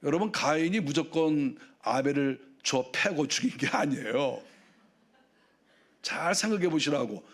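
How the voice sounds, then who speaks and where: A man's voice: fairly high pitch, expressive, measured pace. A male pastor preaching a sermon in a conversational way, full of rhetorical questions.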